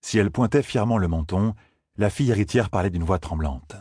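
A man narrating an audiobook in a measured storytelling manner, close to the mic. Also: on the low side, darkish tone, breathy edge, no echo. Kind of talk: scripted narration.

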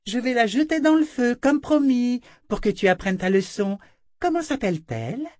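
A man's voice: extremely high pitch, very animated, normal speed, darkish tone, no room sound, studio quality, voice pushed up. A man voicing a cruel, spoiled young princess in a storybook reading, mocking and imperious. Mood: sneering. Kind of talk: storybook read-aloud voice.

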